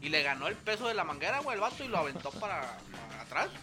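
A man's voice: high-pitched, big pitch swings, rapid-fire, music in the background. A man with a northern Mexican accent in casual, slangy, profane banter as a show co-host. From Puerto Peñasco, northern Mexico. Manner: slangy, profane, street-talk phrasing.

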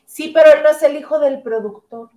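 A Mexican woman co-hosts a casual gossip show, chatting and reading out messages from viewers. Her voice sits high and sounds mellow, her pace is brisk, and there's a roomy echo on the recording.

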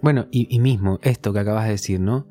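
Man, Rioplatense accent, casual talk, warm relaxed voice, soft music bed. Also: fairly low pitch, fast talker. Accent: Rioplatense Spanish. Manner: reflective, explains with everyday examples. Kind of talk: casual conversation.

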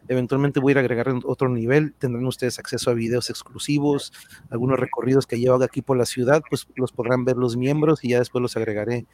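A man's voice: medium pitch, steady tone, fast talker, darkish tone. A man with a Mexican accent chatting casually to livestream viewers as channel host, slangy and thankful in the way he talks.

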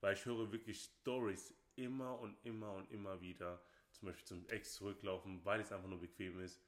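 This Nigerian podcast co-host keeps things casual and opinionated, speaking emphatically, repeating phrases and frequently dropping in "okay, hey." He has a lowish voice with fairly even intonation and talks fairly quickly. A roomy echo surrounds the audio.

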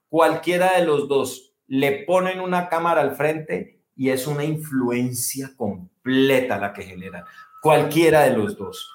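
Man, speaking coach, expressive and emphatic, slightly high voice, echoey room. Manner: expressive, exaggerates word stress to demonstrate. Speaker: guest, public speaking coach. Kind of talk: animated explanatory talk. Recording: roomy echo.

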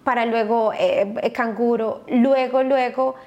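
A woman, a podcast guest and mother, telling her personal story in a halting way with many restarts. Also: a little high, fairly even intonation, dark tone, muffled recording.

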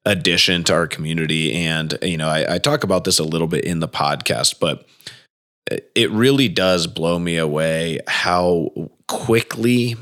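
A man in his late thirties with a very deep voice hosts a podcast. He talks in an upbeat, rambling way, full of "you know" and restarts. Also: normal speed, a bit bright. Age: 30s. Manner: enthusiastic, loose with frequent fillers. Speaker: podcast host. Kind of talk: casual podcast chat.

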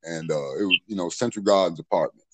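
A man's voice: sits low, quick pace, dry recording, rough recording. A middle-aged man telling street stories in a casual, profane way, full of "you know what I'm saying.". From Maryland, USA. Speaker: podcast storyteller.

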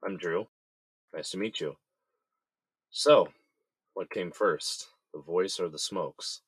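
A man playing a guarded, deep-voiced inmate. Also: slow pace, breathy edge, no room sound, full character voice. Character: wary young male inmate, guarded. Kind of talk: audio drama acting.

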